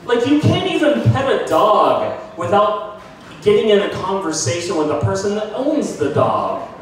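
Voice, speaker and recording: A man's voice: sits high, normal speed. A man in his thirties doing a self-deprecating stand-up comedy set in a small bar, with a handheld mic, filmed from the audience. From United States. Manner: self-deprecating, animated, puts on voices for bits. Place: small bar with brick walls, indoors. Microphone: handheld mic, filmed by a phone from the audience. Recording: echoey bar from far off. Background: audience laughter.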